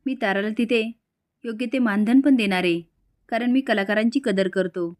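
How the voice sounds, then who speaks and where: A woman reading the lines of a smooth-talking scheming man in a serial recap. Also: mid-range voice, normal speed, darkish tone, no room sound, clean studio sound, lightly acted. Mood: persuasive.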